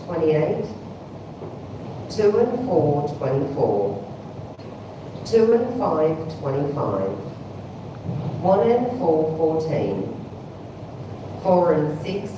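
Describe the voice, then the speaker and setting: A woman calls bingo at a slow, measured pace in a slightly low voice. Each call follows a sing-song formula, digits first and then the number, falling at the end. The sound is heavily echoing and noisy. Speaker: bingo caller. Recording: very echoey, distant, noisy hall PA.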